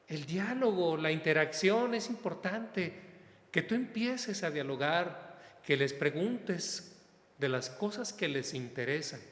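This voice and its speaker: A man with a Mexican accent, a parish priest giving a conversational sermon and speaking straight to his listeners in a lively way. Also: a little high. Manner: lively, talks straight to listeners, acts out everyday exchanges. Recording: echoey hall reverb.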